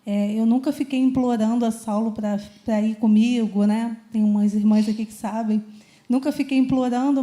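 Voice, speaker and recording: A Brazilian woman shares her testimony before a church congregation, earnest and chatty. Her voice is very dark and mellow in color, though fairly high in pitch. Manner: earnest and conversational, often adding "né?". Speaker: church member giving testimony. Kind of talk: personal testimony.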